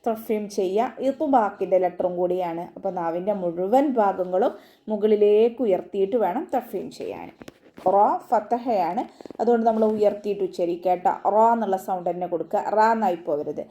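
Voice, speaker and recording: A woman's voice: mid-range voice, a little fast, mellow, a little hiss or hum. A woman teaching Quran recitation in an online lesson, explaining pronunciation patiently, step by step. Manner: patient, step-by-step instruction with frequent tag questions.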